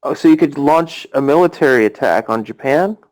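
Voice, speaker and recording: A man's voice: mid-range voice, expressive, fairly quick, a little mellow, poor audio. A man hosting a casual voice chat, rambling with lots of fillers and talking over the others. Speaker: voice chat host.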